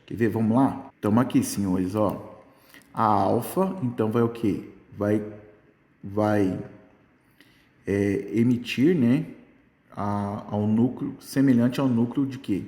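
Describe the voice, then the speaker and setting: A man's voice: on the low side, slow pace, warm tone. A man teaching a casual Brazilian Portuguese physics lesson, checking in with the class at nearly every step. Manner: chatty, keeps checking in with "tá?". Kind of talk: casual exam-prep lesson. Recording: echoey room with long reverb.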